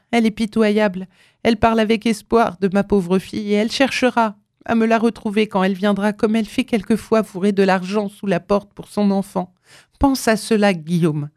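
A woman's voice: medium pitch, darkish tone, dry recording, studio quality, natural voice. A woman voicing a tender old mother who pleads fervently with her son in a read-aloud story. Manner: fervent, imploring.

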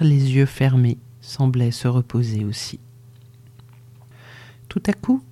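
A narrator reading a literary audiobook in a measured way, often dropping to a hushed whisper. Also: medium pitch.

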